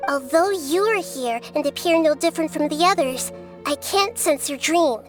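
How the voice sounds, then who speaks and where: An actress voicing a small, childlike goddess of wisdom in a video game, gentle, precise and composed. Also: female voice, high-pitched, moderate pace, soft background music, close to an everyday voice. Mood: calm, knowing. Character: small childlike female deity of wisdom, calm, perceptive.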